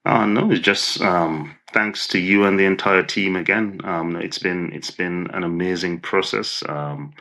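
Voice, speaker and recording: A man's voice: low voice, steady tone, measured pace, hardly any pauses, sharp tone. A man from Nevis, giving encouraging, conversational interview answers and often repeating words as he thinks aloud. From Nevis, Saint Kitts and Nevis. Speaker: interview guest, entrepreneur.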